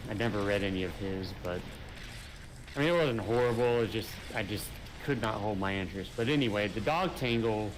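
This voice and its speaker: A gamer chats casually during a co-op game, his lowish voice moving fairly quickly. He rambles and hesitates, filling his speech with fillers, while noisy game audio plays behind him.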